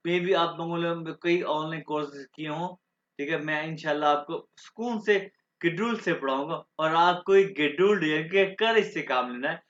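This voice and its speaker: A man's voice: on the high side, a bit bright. A man teaching an online German class, patiently spelling out letters one by one for his students. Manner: patient, repeats letters slowly for students to copy. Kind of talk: online class, spoken instruction. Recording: dull lo-fi audio in an echoey room.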